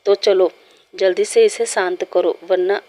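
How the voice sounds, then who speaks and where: A woman's voice: mid-range voice, steady tone, a little slow, a little mellow, lightly acted. A woman voicing a pushy, playful adult male lover who pleads and teases insistently, read aloud in a storybook. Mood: pleading, teasing.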